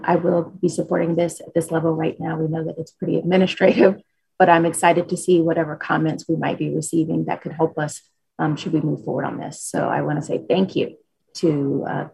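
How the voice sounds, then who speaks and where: Low-pitched, husky woman chairing a meeting. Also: warm tone, no room sound, poor audio. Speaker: chair of a government commission meeting. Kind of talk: formal meeting procedure.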